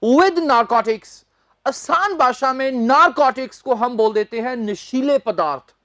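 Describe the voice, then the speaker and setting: A woman teaching English newspaper vocabulary, speaking deliberately and spelling words out letter by letter. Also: high voice, fairly bright tone, no echo, studio quality.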